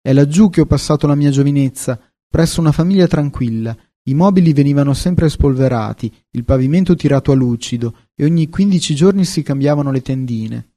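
A man's voice: on the high side, fairly quick, hardly any pauses, mellow, natural voice. A man reading aloud as an old cooking pot, a self-important lady telling her story in a genteel tone. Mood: pleased.

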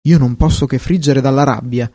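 A man's voice: mid-range voice, fairly quick, warm tone, no echo, clean studio sound, close to an everyday voice. A man doing a cross, bossy shopping basket. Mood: irritated. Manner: irritated and domineering. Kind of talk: storybook reading.

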